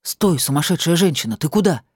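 A worried young man, urgent and lowered in tone, voiced by a woman reading aloud. The sound is dry and close to the mic. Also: expressive, a little fast, darkish tone, husky, no room sound, full character voice.

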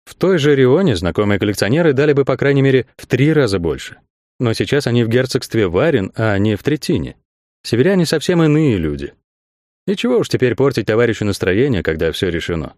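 A man reading fiction aloud as an audiobook narrator, measured storytelling. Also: medium pitch, very animated, darkish tone, no echo, studio quality. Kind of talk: scripted narration.

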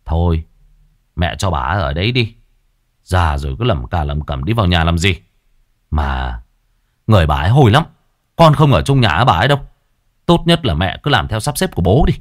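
A man's voice: deep voice, big pitch swings, normal speed, pauses often, no echo, studio quality. A man voicing a spoiled, sulky young village son, dismissive and curt.

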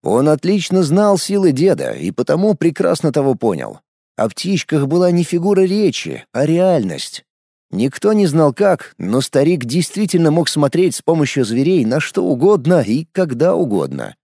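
A male audiobook narrator with a warm, mellow voice that sits a little higher than most men's. His pitch moves a lot as he tells the story, and the recording is dry and close. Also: moderate pace, dry recording. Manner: lively storytelling with acted dialogue. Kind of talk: scripted narration.

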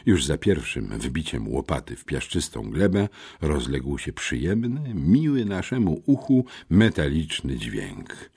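A man reads an audiobook with a very deep voice and a husky, breathy grain. His narration is expressive, with a lively melody that rises and falls through the story. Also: measured pace.

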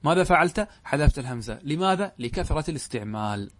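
A middle-aged man giving a classroom lesson on Arabic grammar, asking questions and repeating key words slowly for emphasis. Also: a little high, lively intonation, fairly bright tone.

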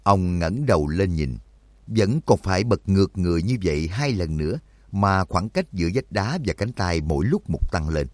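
A male audiobook narrator reads an adventure story with a deep voice. His delivery swings widely in pitch to carry the tension. The recording is close and dry. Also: normal speed, no room sound. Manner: expressive storytelling, voices for characters. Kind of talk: scripted narration.

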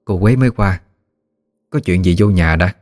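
A man's voice: sits low, moderate pace, darkish tone, dry recording, clean studio sound, close to an everyday voice. A male storyteller voicing a firm, protective middle-aged mother. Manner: firm, reasoning.

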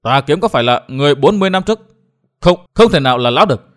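A man's voice: medium pitch, expressive, fairly bright tone, natural voice. A man doing a shrewd, courteous strategist. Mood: respectful. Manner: polite, measured. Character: shrewd, deferential middle-aged male strategist.

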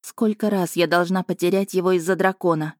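Low-voiced woman narrating a fantasy audiobook. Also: steady tone, a little fast, dry recording, studio quality.

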